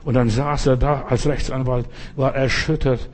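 A man's voice: mid-range voice, fairly even intonation, moderate pace. A man preaching a sermon as pastor, speaking directly to each listener and often checking whether they follow. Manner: conversational, addresses the listener directly and keeps asking if they follow.

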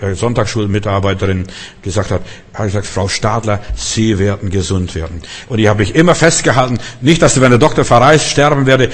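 Older preacher in a reverberant hall. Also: male voice, lowish voice. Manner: storytelling preacher, acts out quoted voices, swings from soft to emphatic. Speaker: pastor. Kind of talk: sermon.

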